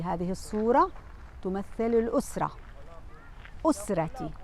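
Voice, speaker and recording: A woman teaching a children's language lesson, speaking slowly and patiently and repeating each word several times. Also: medium pitch, slight background noise. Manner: addresses pupils, pointing things out. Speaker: Arabic teacher.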